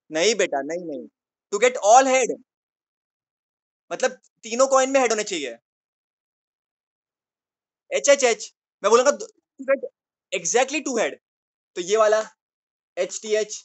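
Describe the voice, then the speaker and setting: A man tutoring maths, coaxing students to answer and teasing them with playful praise. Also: sits high. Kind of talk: online class teaching.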